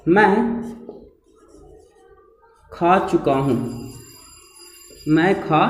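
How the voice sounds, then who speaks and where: A man teaching English grammar at a board, repeating points and putting questions to his class. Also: high-pitched. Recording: echoey room with long reverb.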